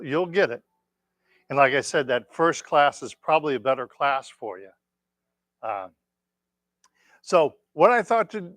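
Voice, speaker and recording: A man teaching a tai chi class, giving gentle, unhurried step-by-step cues with encouragement. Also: medium pitch, no room sound. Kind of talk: instructing a class through movements, step by step.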